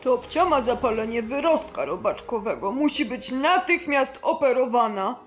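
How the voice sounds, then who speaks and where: A steady male doctor who calms worried patients, as a woman puts him on. The voice is pushed well down from her own high pitch and stays slow and soothing. Light music hums faintly in the background. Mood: calm, reassuring. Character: calm reassuring male hospital doctor.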